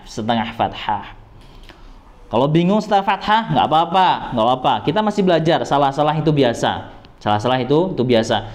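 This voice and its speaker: A man teaching Quran recitation rules, patiently repeating sounds, reassuring his students, and slowly chanting the verses. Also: mid-range voice. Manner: slow drawn-out chanting when reciting verses. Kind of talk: tajwid lesson with recited verses.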